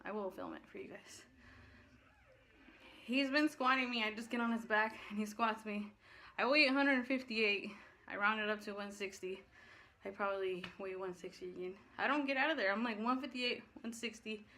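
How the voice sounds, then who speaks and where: A woman's voice: mid-range voice, moderate pace, bright, forceful tone. A woman fitness vlogger talking casually in a rambling, slangy way, breathless from exercise. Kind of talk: casual chatty workout vlog.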